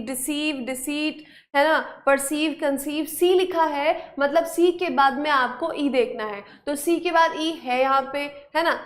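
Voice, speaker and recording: Female spelling teacher, Indian accent, high pitched, brisk and encouraging with her class. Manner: brisk, praising, urging students to hurry. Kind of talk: live online class, quizzing students.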